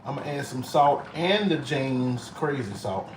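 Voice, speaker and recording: Speaking in an expressive, mid-range voice at a measured pace, a middle-aged home cook vlogger talks casually to viewers and his pets while cooking in his kitchen. The audio is echoey and noisy, with the mic set at a distance.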